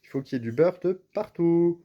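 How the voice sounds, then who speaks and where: A woman's voice: on the low side, lively intonation, a little fast, muffled recording. A woman explaining a cake recipe step by step in a home kitchen, patiently guiding a child through each task. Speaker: parent cooking with her child on his channel. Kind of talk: step-by-step cooking instructions.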